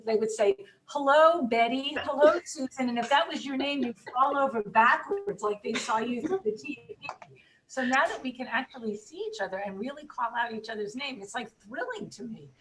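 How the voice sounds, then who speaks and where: High-voiced older woman chatting on a call. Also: expressive, brisk, distant mic, background noise. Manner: chatty, amused. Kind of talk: casual chat. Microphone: video call.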